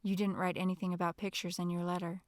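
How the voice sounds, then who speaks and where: Woman narrator doing a serious male agent, calm, probing, formal, dry close sound. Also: lowish voice, no room sound, close to an everyday voice. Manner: measured, formal questioning.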